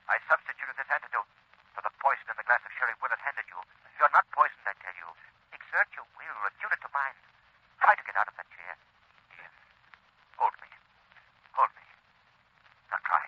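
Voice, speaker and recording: An actor in 1930s radio drama playing a stern, commanding invisible crime-fighter, speaking slowly and emphatically with theatrical authority. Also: male voice, mid-range voice, pushed and bright, husky, no echo, full character voice. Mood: urgent, insistent. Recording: muffled, thin 1930s radio recording.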